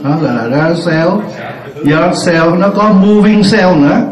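An older man teaching a classroom lesson, chatty and joking, repeating words slowly so they sink in. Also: high voice. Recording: roomy, dull lo-fi classroom recording.

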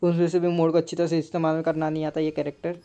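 A young man commentating his own mobile game live, excitable and talking to himself with frequent mild swearing. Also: on the high side, very fast, muffled recording. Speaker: gaming streamer.

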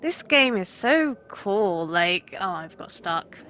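A woman's voice: mid-range voice, sing-song, slow pace, a bit bright, slight background noise, poor audio. A young woman doing casual let's play commentary, chatty and giggly, yelping at scares.

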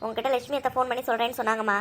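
A woman's voice: on the high side, little pitch movement, rapid-fire, a bit bright, lightly acted. A woman voicing a curious young girl who stammers and coaxes her mother in a cartoon. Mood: coaxing. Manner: hesitant, stammering when caught.

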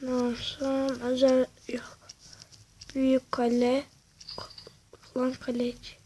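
High-pitched excitable woman gaming. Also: slow, a little hiss or hum. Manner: excitable, slangy, talks to herself. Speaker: gamer. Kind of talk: casual gameplay commentary.

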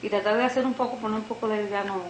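A middle-aged woman from the Dominican Republic with a Dominican accent, a piano and French teacher answering interview questions, often pausing to search for words. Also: medium pitch, steady tone. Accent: Dominican Spanish. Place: living room on a sofa. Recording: echoey room, noisy old video tape.

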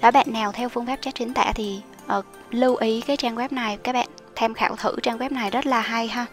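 A young woman explaining study tips as a teacher, in a chatty, explanatory way with soft fillers. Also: a little high, steady tone, a little fast. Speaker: IELTS teacher. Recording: soft music behind the voice.

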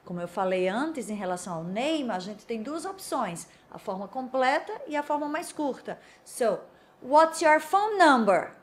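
A young woman teaching an English lesson, with a Brazilian accent and Portuguese as her first language. She drags out the model phrases slowly and explains between them more quickly. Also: high voice, very animated, a little hiss or hum.

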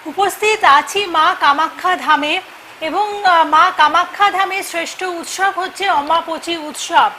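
A woman's voice: very high-pitched, unhurried, pushed and bright, a little hiss or hum, low-quality recording. A woman presenter introducing a guest at a temple in a formal way, with a few hesitations. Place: temple grounds.

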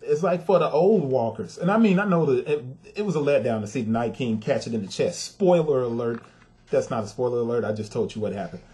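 Frustrated man reviewing sneakers, mellow voice. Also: mid-range voice, fast talker, hardly any pauses. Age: adult with a son. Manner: frustrated, emphatic, talks to viewers directly. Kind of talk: casual video review.

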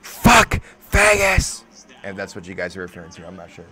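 A man hosting a live hockey watch-along, reacting casually to the game and chatting with viewers by name, swinging between low mumbling and sudden loud outbursts, often profane. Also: little pitch movement, rapid-fire, breathy edge, soft background music.

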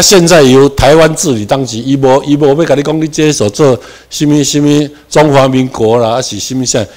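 A man with a Taiwanese accent giving a classroom lecture, moving between Hokkien and Mandarin, dropping in English terms and asking himself questions as he goes. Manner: animated, with sudden rises in pitch and volume for emphasis. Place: lecture room.

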